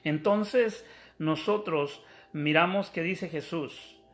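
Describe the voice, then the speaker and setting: A man's voice: on the high side, slow, a bit bright, faint music behind. A man preaching a sermon, explaining scripture step by step, calling his listeners brothers and often restarting his sentences.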